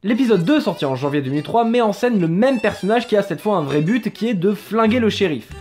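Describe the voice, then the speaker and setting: A man's voice: sits high, lively intonation, brisk, a little mellow, faint music behind. A man hosting a video, telling a story in a casual, jokey commentary style with offhand swearing. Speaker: YouTube host.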